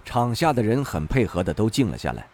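A man narrating a novel in the first person, wry and expressive. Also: fairly low pitch, a little fast. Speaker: audiobook narrator.

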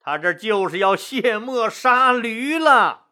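A man's voice: very high-pitched, expressive, takes it slowly, pushed and bright, exaggerated voice. A man voicing a desperate, bitter male general who faces death, speaking in an impassioned, reproachful way. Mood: pleading.

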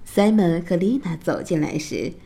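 A woman narrating a children's fairy tale in a slow, expressive storytelling voice. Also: lowish voice, vocal fry.

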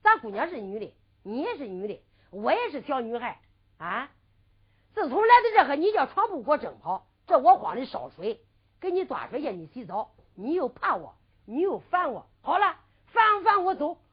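A woman's voice: high voice, very animated, normal speed. A woman storyteller voicing a peevish young maid who scolds with indignant retorts. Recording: lo-fi dull recording.

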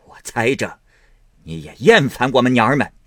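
A man's voice: medium pitch, very animated, normal speed, a bit bright, no room sound, studio quality, pitched above the performer's own voice. A man reading aloud and voicing a stern, grieving old matriarch who scolds her son with cold sneers. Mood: angry scolding.

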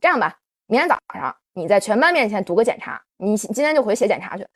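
A woman voicing a strict young male teacher who scolds in quick, sharp bursts. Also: mid-range voice, very animated. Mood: stern.

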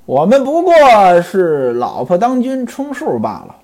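A man's voice: high voice, huge pitch swings, a little slow, mellow, exaggerated voice. A man voicing a weary, resigned middle-aged head wife who sighs over her household, in a storyteller's tale.

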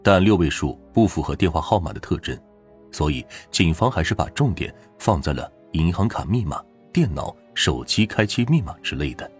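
A man narrating true crime from a script in a measured, serious storytelling way. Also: deep voice. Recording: roomy echo with faint music. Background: faint background music.

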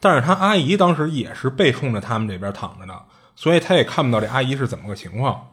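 A man with a husky, slightly breathy voice tells a spooky anecdote in a relaxed, conversational way. He talks in a chatty, colloquial manner, doubling back on his words as he goes. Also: medium pitch, fast talker. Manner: chatty, colloquial, with frequent restarts and asides. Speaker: storyteller. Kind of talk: casual retelling of strange tales.

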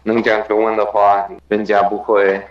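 In a roomy, slightly dull recording, a foreign man talks in accented Mandarin as an interview guest. His voice sits fairly low. He halts to search for words and drops in English terms. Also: monotone, normal speed. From abroad, not China. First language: not Mandarin. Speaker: triathlete, podcast guest. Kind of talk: conversational interview. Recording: roomy echo, dull lo-fi sound.

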